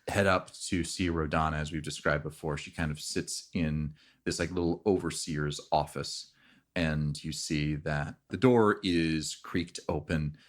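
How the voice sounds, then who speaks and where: Very deep-voiced man running a game. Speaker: game master. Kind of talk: casual tabletop game narration.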